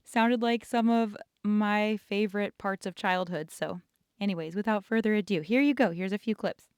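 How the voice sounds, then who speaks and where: A woman's voice: mid-range voice, normal speed, smooth, no room sound, studio quality. A young woman casually telling rambling childhood stories while sketching, laughing often. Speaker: art channel host.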